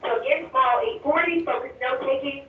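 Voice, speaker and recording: A woman making upbeat school announcements over a PA loudspeaker, heard in a classroom. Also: high voice, quick pace. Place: heard through a classroom PA speaker. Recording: tinny, echoey loudspeaker heard from far off.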